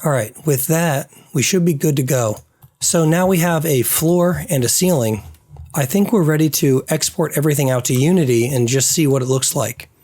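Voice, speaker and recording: A man's voice: on the high side, moderate pace, a little mellow. A man thinking aloud as he works through a game-building session on screen, muttering to himself and trailing off, his voice starting to give out. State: losing his voice. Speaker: game developer.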